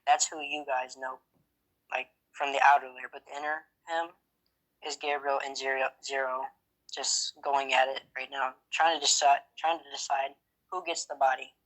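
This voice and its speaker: A man with a bright, forceful voice plays his character in a game roleplay. He speaks haltingly, stops and restarts often, and fills the gaps with little fillers. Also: mid-range voice, flat delivery, poor audio. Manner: hesitant, halting, full of fillers. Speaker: roleplay player.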